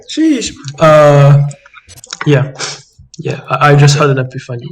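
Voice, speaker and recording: A man's voice: a little high, level tone, measured pace, background noise. A man sparring at chess with a friend, talking hesitantly with many fillers and self-corrections. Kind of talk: casual chess chat. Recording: poor-quality microphone.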